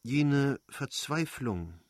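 A man reading the lines of a stiff, formal husband in an audiobook, measured and correct. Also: medium pitch, expressive, dry recording, clean studio sound, voice pushed up, exaggerated voice.

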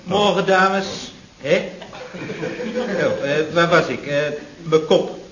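Casting: a bumbling, boozy barman, high and confused, roomy noisy old recording. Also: slow, muffled recording. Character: dazed, boozy male barman Paul, muddled.

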